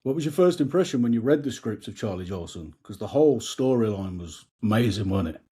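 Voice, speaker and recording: A man's voice: lowish voice, expressive, fairly quick, mellow, breathy edge. A man, interviewing a guest in an enthusiastic, informal way. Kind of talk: casual interview.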